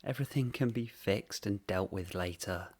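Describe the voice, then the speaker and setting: In a guided meditation, a man's rather low voice moves gently and slowly, offering brief phrases with lengthy pauses between them.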